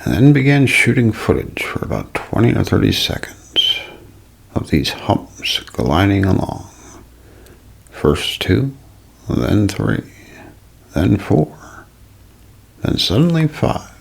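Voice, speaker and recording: This man narrates a scripted ASMR mystery with drama and deliberate, storyteller-like phrasing. His lowish, gravelly, husky voice frequently sinks toward a whisper while staying very animated.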